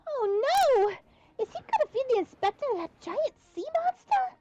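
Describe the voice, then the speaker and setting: A woman voicing an eager, naive young amateur detective in a fantasy game, with deliberately hammy, exaggerated bad acting. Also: very high-pitched, big pitch swings, darkish tone. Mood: alarmed. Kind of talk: amateur dramatic game dialogue read-along. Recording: muffled, noisy home microphone recording.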